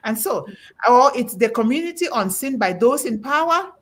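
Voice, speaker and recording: A middle-aged woman hosts a panel talk, delivering an emphatic, preaching-style message and quoting scripture with rising emphasis. Her voice sits on the high side, with lively intonation at a normal speed.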